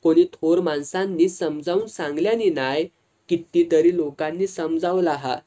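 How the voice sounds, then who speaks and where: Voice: mid-range voice, a little slow, warm tone, close to an everyday voice. A narrator voicing a sad young wife who speaks in a weary, subdued way.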